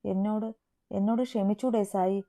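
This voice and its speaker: Brief: woman voicing a guilt-ridden young man in an audio story, pleading and halting, dark mellow tone. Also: mid-range voice, fairly even intonation, natural voice. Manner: pleading, broken.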